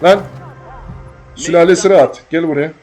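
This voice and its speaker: A young man commentating a game he's playing, rowdy, swearing and yelling at the characters. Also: fairly high pitch, moderate pace, soft background music. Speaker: gaming channel host. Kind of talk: let's play commentary.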